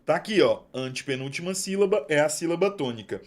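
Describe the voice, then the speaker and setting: Young male teacher, slightly high voice, chatty exam-prep style, stretches key terms. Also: animated. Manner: chatty and affectionate, drawn-out stresses on key terms. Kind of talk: online exam-prep lesson.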